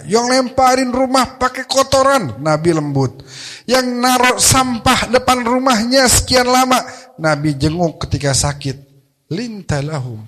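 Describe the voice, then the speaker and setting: A man with a Betawi Jakarta accent preaching at a weekly gathering. His voice sits a little high and he takes his time. He jokes in relaxed street slang and recites Arabic verses. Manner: joking, colloquial, quotes Arabic verses. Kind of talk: sermon. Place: mosque study gathering.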